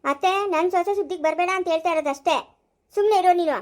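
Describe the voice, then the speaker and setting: Woman performer: a firm mother-in-law in a family cartoon, fast-talking and high-pitched. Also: fairly even intonation. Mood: firm defending. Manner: firm, defensive. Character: protective middle-aged mother-in-law.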